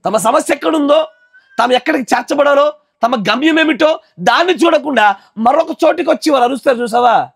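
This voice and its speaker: A man's voice: very high-pitched, lively intonation, brisk, vocal fry, no room sound. Man, pastor preaching, dry close sound, keeps asking if listeners follow. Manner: emphatic preaching, often asks listeners if they follow. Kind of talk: sermon. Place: house gathering.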